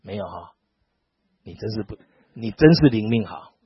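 Husky taiwanese pastor guy preaching, voice jumps all over, dry dull sound. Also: lowish voice, moderate pace, no echo. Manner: animated storytelling, acting out dialogue. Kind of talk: sermon.

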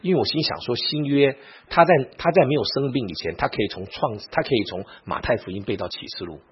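A church elder tells a story in a sermon. He is animated, acts out quoted speech and often restarts his sentences. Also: mid-range voice, fast, slightly rough. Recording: muffled lo-fi recording.

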